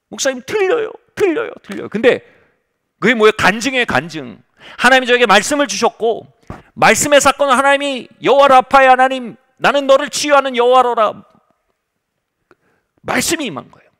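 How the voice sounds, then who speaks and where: A man's voice: sits high, vocal fry, a bit bright. A middle-aged male pastor preaching a revival sermon, telling a story with humor.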